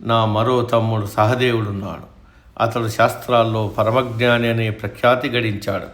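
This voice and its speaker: A man's voice: lowish voice, little pitch movement, moderate pace, a bit bright, reverberant, natural voice. A man voicing a grieving, stubborn eldest king who wagers his brothers, in a storybook reading. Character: grieving proud eldest king, desperate gambler.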